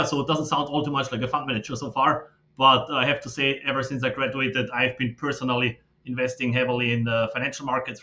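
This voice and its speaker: Bright-toned man explaining steadily. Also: mid-range voice. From Austria. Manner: steady, explanatory, with frequent fillers. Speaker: guest, fund manager. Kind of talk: casual interview talk. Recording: slightly dull lo-fi audio.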